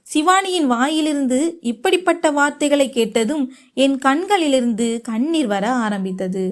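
A woman narrating a first-person family story in a steady read-aloud manner. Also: high-pitched, normal speed.

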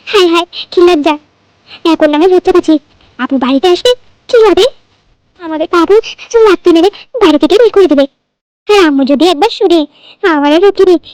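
A woman's voice: very high-pitched, mellow, no echo. Woman voicing a panicky flustered younger sister. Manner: panicky, whiny.

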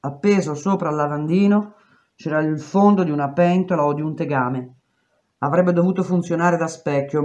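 A woman reading an autobiography aloud in a measured, unhurried way, on a dull lo-fi recording. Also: deep voice. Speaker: reader of an autobiography. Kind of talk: audiobook-style reading aloud.

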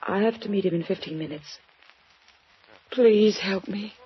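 A husky, mid-range female voice at a measured pace belongs to an actress cast as a nervous, guarded woman seeking help in 1940s radio drama. The mood is tense and the manner urgent and pleading. It comes through a dull vintage broadcast with music.

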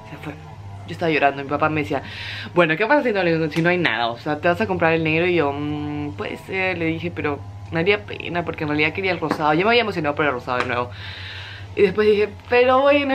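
A young woman, telling a story in a chatty, animated way as she unboxes a phone for her vlog. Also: on the low side. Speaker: vlogger. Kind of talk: casual vlog chat.

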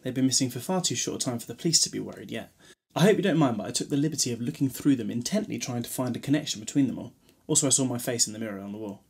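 In an audio drama, a man plays a newly regenerated male Time Lord, an eccentric, chatty alien who is whimsical and breezily distracted. His mid-range voice is expressive and racing, with vocal fry and a breathy edge.

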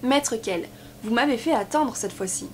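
A woman voicing a frail, confused old king who speaks loudly and imperiously, reading from a novel. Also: a little high, animated, normal speed, soft background music, natural voice.

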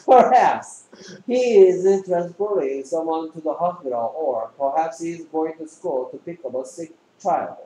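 A man's voice: fairly high pitch, animated, very slow, mellow, echoey room, a little hiss or hum, poor audio. A man tutoring English one-on-one, quizzing his student and joking bluntly, in a casual lesson. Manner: teasing, quizzing, blunt slang.

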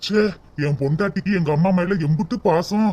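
A man's voice: sits high, brisk, a little mellow, lightly acted. A man voicing an earnest, naive young husband in a cartoon. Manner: eager, naive. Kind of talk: cartoon voice acting.

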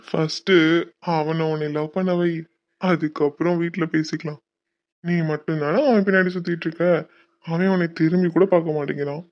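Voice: mid-range voice, steady tone, moderate pace, pauses often, muffled recording, close to an everyday voice. A voice actor playing a devoted young college man in a cartoon, pleading and affectionate. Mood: teasing.

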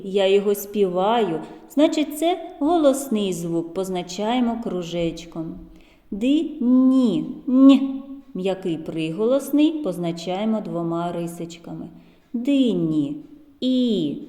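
A woman from Ukraine teaching young children in a video lesson, speaking slowly and patiently and stretching out sounds and syllables. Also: mid-range voice, mellow, in a large hall. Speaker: kindergarten teacher.

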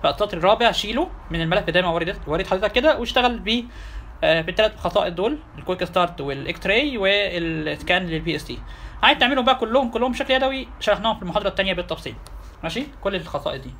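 This tutorial lecture comes from a software instructor with an Egyptian Arabic accent who talks very fast in an animated, chatty way. His bright, forceful voice sits high for a man, and he keeps throwing rhetorical questions straight at his audience. There is slight background noise.

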